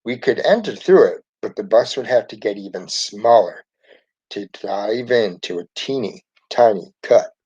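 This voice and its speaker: A man reading a children's picture book aloud in a steady narrating voice. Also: lowish voice, a little slow, slightly rough, lo-fi sound. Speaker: storybook reader.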